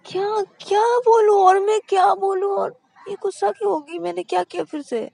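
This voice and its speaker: A woman's voice: very high voice, steady tone, moderate pace, gravelly, a little mellow, no echo, voice pushed up. A woman voicing a naive young woman in a told love story, stammering and repeating her words. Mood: flustered. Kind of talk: storybook voice acting.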